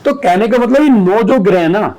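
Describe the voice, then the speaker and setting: A man's voice: sits high, expressive, moderate pace, warm tone, low-quality recording. A man speaking as an astrologer guest on a podcast, explaining steadily with everyday examples from family and school life.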